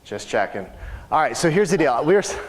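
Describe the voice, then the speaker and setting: A man's voice: on the high side, very animated, fairly quick. Man training a live room. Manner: conversational, asks the audience questions. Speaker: real estate sales trainer. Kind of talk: live training seminar talk. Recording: live room recording with long reverb.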